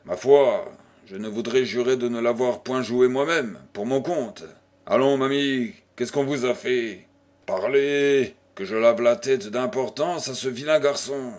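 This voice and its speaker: A man's voice: medium pitch, a little slow, darkish tone, close to an everyday voice. A man voicing an elderly aristocratic dowager who teases and fusses over a young widow, in a storybook reading. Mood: dismayed. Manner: mock-scolding, playful, exclamatory.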